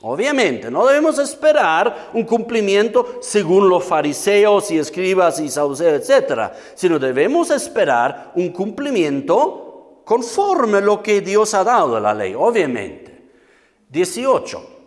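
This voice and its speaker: A man preaching a Bible teaching, explaining patiently and often checking with his listeners, reading scripture slowly and with emphasis. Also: high voice, sing-song. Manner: explanatory, asks the audience often. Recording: reverberant hall.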